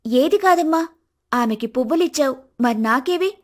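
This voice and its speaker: An arrogant young daughter-in-law snaps back in a high, sharp voice, as a woman puts her on. She sounds sarcastic and sulky. The story is an animated family tale. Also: normal speed.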